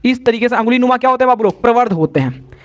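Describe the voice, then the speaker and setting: Male science teacher a very high voice and a lilt, live lesson, drills each point in call-and-response. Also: animated, very fast. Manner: repetitive call-and-response teaching, answering his own questions.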